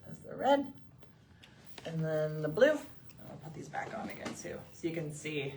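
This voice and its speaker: A woman's voice: deep voice, big pitch swings, unhurried, a little mellow, a little hiss or hum. A middle-aged woman co-hosting a live product show, bubbly and enthusiastic, often talking straight to viewers. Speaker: co-host of a live eyewear show.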